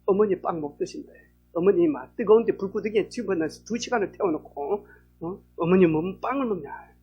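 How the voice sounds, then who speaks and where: A male pastor, telling a story in a sermon in an animated way, full of vivid sound words. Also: sits high, fairly quick, slightly rough, muffled recording.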